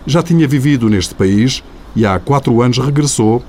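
A man's voice: mid-range voice, moderate pace, dark tone, a little hiss or hum. Man narrating a radio report.

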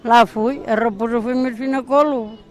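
A woman's voice: on the high side, fairly even intonation, a little fast, a little mellow, soft background music. A woman in her sixties with a rural northern Portuguese accent, speaking informally as a village storyteller.

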